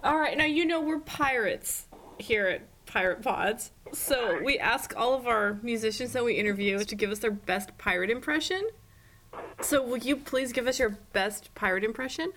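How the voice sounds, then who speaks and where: A woman's voice: fairly high pitch, normal speed, a bit bright, slight background noise. A woman hosting a podcast with upbeat, enthusiastic reactions. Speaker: podcast host.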